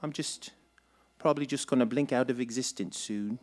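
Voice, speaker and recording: A woman's voice: very deep voice, moderate pace, a little mellow. A woman doing a mopey imaginary friend. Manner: mopey, self-pitying. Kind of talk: live comedy radio play.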